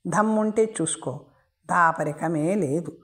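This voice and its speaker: A woman voicing a raving mad man who rambles in proverbs, taunts and sings mock lullabies, low and unhurried. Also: animated. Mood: defiant.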